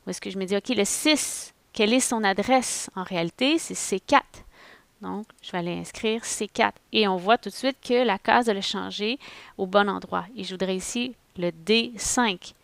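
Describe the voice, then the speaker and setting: A woman walks through a screen-recorded tutorial as a patient teacher, narrating each step as she thinks it through. Her voice carries a gravelly fry. The recording is dry and close, with no room sound. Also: mid-range voice, moderate pace, fairly bright tone, no room sound.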